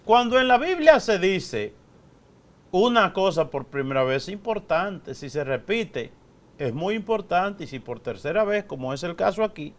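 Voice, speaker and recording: Man, priest, bible sermon, high voice, lively swings in pitch, asks questions. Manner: expressive, asks the listeners questions and repeats phrases.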